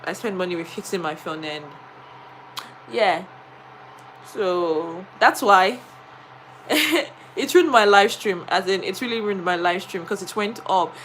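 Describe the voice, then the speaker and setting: A woman's voice: medium pitch, lively intonation, a little slow, pauses often, a bit bright, slight background noise. A woman with a Nigerian accent, a teacher, chatting on a live stream and telling a story with many fillers. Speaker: vlogger and teacher.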